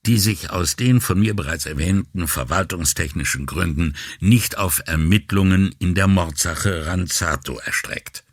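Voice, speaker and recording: A man reading an audiobook voices a calm, politely ironic and skeptical male police commissioner. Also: sits low, a little slow, hardly any pauses, slightly rough, no echo, clean studio sound, heavily acted. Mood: dry. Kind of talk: audiobook character voice.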